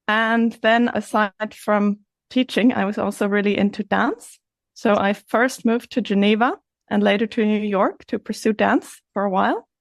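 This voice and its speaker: A young woman from Switzerland, a guest on a podcast, explaining things in a friendly, relaxed way. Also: mid-range voice, normal speed, no echo. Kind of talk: casual interview chat.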